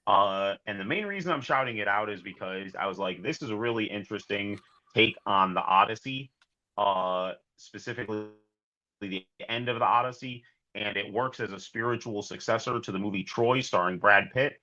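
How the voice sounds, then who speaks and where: A man co-hosting a casual film review podcast, enthusiastic and halting with restarts. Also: lowish voice, bright, forceful tone, highs cut off. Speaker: podcast co-host.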